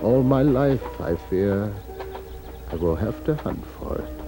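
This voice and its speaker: A man playing a sorrowful gentle huntsman. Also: lowish voice, lively intonation, unhurried, music in the background. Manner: soft-spoken, hesitant, melancholy. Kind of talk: storybook record acting.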